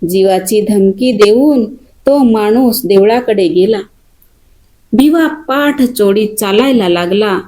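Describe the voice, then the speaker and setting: A woman narrating a story in a deliberate, dramatic storytelling manner. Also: mid-range voice, warm tone.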